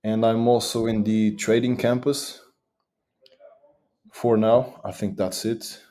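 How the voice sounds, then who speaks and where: Eager young male guest from Portugal, deep mellow voice, speaks quickly. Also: level tone. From Portugal, Madeira. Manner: eager, talks fast with restarts. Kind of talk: interview answers.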